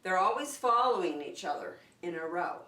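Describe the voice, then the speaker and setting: In a roomy space, well back from the mic, a female preschool teacher hosts story and circle time with singing. She addresses the young children in brief, simple, upbeat phrases. Her voice is on the low side, expressive and sharp in tone, at a normal speed.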